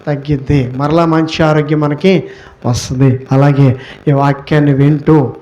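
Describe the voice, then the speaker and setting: Male pastor, fairly high voice, sermon delivery; poses questions then answers, stretches key words slowly. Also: darkish tone. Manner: rhetorical questions answered by himself.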